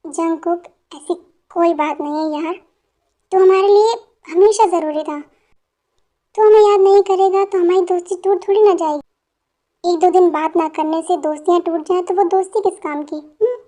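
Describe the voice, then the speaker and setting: A woman's voice: very high-pitched, normal speed, mellow. A woman dubbing a caring male best friend who scolds and pleads firmly. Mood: concerned. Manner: firm, pleading. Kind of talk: fan dubbing.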